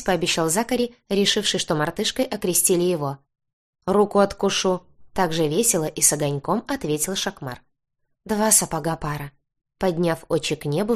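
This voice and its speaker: A woman's voice: on the low side, a little mellow. A woman narrating a first-person fantasy audiobook, lightly voicing the characters' quoted lines.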